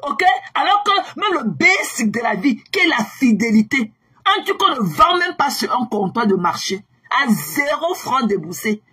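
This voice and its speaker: A woman ranting angrily on her own livestream, taunting viewers with repeated mocking questions and bursts of shouting. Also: high-pitched, big pitch swings, moderate pace, husky. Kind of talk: angry livestream rant at viewers.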